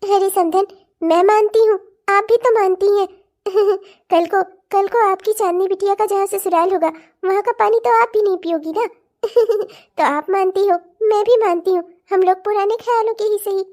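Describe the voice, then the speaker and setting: A woman voicing a fond, protective middle-aged mother who speaks tenderly to her daughter. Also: very high-pitched. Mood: polite. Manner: tender, warm-hearted, quick to defend.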